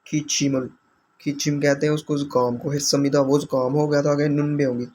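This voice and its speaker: A man's voice: on the high side, level tone, brisk, a little mellow, a little hiss or hum. A man teaching language exam questions, explaining answers patiently step by step.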